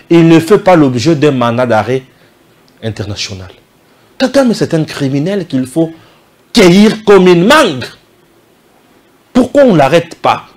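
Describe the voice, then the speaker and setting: An indignant Congolese man with a fairly high voice and a Kinshasa accent. He delivers passionate political commentary, presses hard with rhetorical questions and slips into Lingala. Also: a little mellow. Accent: Congolese French, Kinshasa.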